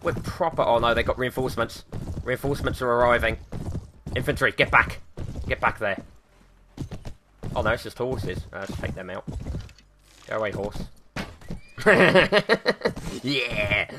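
A young man streaming a battle game live, animated and jokey, barking orders at his troops and swearing cheerfully. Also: medium pitch, a little slow, pauses often, background noise. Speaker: gaming streamer. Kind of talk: live gameplay commentary.

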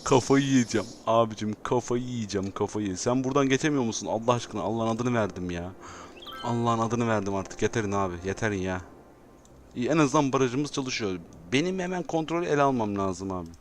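A man's voice: medium pitch, a little fast, a little hiss or hum. A Turkish man commentating a city-building game, given to dramatic exasperated outbursts and repeated phrases. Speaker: gameplay commentator. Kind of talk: excitable gameplay commentary.

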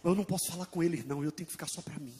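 A man doing Barnabé, a hushed, low-murmuring apostle. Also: lively intonation, normal speed, slightly rough, exaggerated voice. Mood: worried. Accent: Brazilian Portuguese. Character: apostle Barnabé, awed, soft-spoken older man.

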